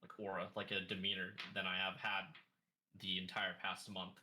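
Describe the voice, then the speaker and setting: A man's voice: low-pitched, completely flat delivery, moderate pace, bright, forceful tone. A man playing a tabletop game, speaking hesitantly with many fillers. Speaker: player.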